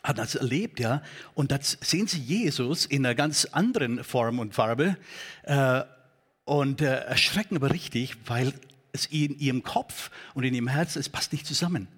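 A man preaching a sermon in a church, talking in a conversational, halting way with many fillers. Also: mid-range voice, lively intonation, breathy edge. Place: church hall.

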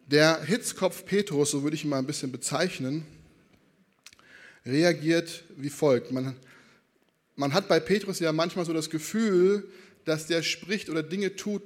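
Chatty preacher with a higher man's voice. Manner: conversational, with frequent tag questions and lively re-enacted quotes. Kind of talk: sermon.

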